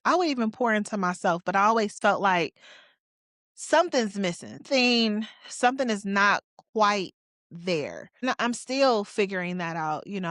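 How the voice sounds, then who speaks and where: On her personal podcast, a Detroit woman in her forties reflects openly on her life, chatting with casual slang. Her voice is mid-range and fairly bright, captured in studio quality without echo.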